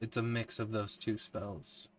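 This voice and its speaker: A man's voice: fairly low pitch, flat delivery, a little slow, a little hiss or hum. A man narrating as game master of a tabletop game, describing scenes in a descriptive, easygoing way.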